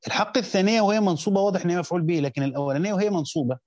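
Very fast and pitched high, a little mellow, an Egyptian man reads passages from a classical commentary before explaining them colloquially in his role as a Quranic exegesis teacher. He keeps breaking off and starting over mid-phrase, and there is no echo.

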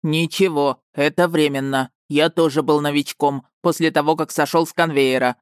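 Proud, courteous robot starship, matter-of-fact, low dry voice, voiced by a woman. Audiobook. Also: fairly even intonation, moderate pace, clear, resonant tone, dry recording, natural voice. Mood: polite. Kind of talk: audiobook character reading.

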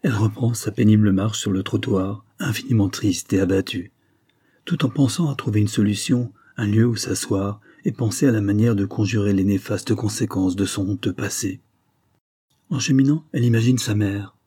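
Male audiobook narrator, grave and measured, low and husky. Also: warm tone. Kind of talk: scripted novel narration.

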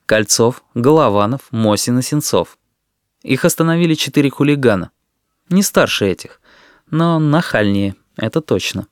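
Guy voicing a calm serious group leader, dry close sound. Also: medium pitch, moderate pace, no echo, close to an everyday voice. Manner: restrained, serious. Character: restrained young leader chairing a meeting.

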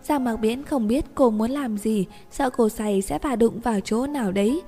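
A woman narrating a novel in an even, gentle storytelling voice. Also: fairly high pitch, moderate pace. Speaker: audiobook narrator. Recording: reverberant room with faint music.

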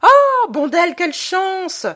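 A woman's voice: medium pitch, sing-song, measured pace, a bit bright, husky, exaggerated voice. A woman voicing a cautious, jovial man who exclaims and hesitates, in a storybook reading. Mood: delighted.

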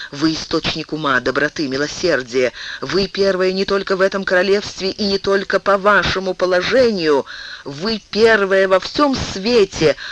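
A man's voice: a little high, a bit bright, a little hiss or hum, voice pushed up, lightly acted, rough recording. A man reading an audiobook, voicing a young, ardent English duke who pleads earnestly and with emotion.

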